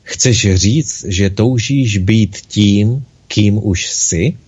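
A man voicing a patient, kindly God in a spoken storybook, calm and gentle. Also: lowish voice, breathy edge. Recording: dull lo-fi recording.

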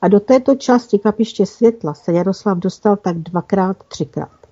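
A woman narrating a children's fantasy story in an even, careful reading style with small slips. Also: medium pitch, breathy edge. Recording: dull lo-fi recording.

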